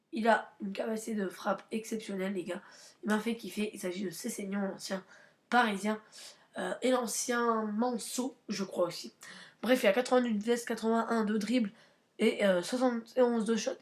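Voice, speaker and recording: A woman hosting a gaming channel, giving casual, slangy gameplay commentary with lots of fillers and restarts. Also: medium pitch. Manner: hesitant, many fillers and restarts; slangy, chatty, addresses viewers as guys.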